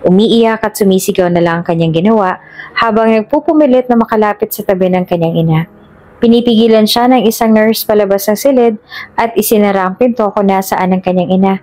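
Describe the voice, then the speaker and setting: A woman narrating a scripted drama story in a steady, measured reading. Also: medium pitch, dry recording.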